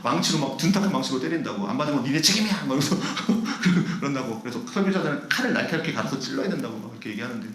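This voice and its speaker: Animated male pastor in an echoey hall. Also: mid-range voice, very fast, hardly any pauses. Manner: animated, acts out complaints in quoted asides, laughs between points. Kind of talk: sermon. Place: church sanctuary.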